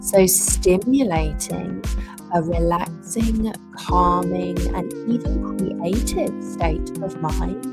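A woman host leading a guided meditation in a soft, soothing, unhurried way. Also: fairly low pitch. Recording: music playing behind the voice. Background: instrumental music.

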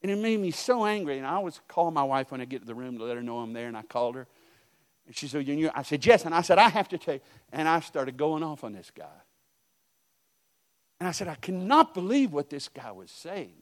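A middle-aged male pastor preaching a sermon, telling stories and swinging from hushed asides to loud outbursts. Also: fairly high pitch, big pitch swings, brisk.

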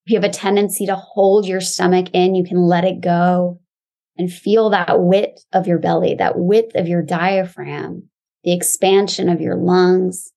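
A woman guiding a calm grounding exercise as a body-awareness teacher, giving soothing, gentle instructions. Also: on the low side, measured pace, vocal fry. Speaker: Pilates and embodiment teacher, guest.

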